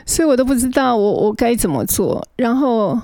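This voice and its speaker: Gravelly-voiced woman telling her story. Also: on the high side, big pitch swings, fairly quick, dark tone, dry recording. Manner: earnest, searching, with stammered restarts. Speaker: guest recounting her past. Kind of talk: emotional personal storytelling.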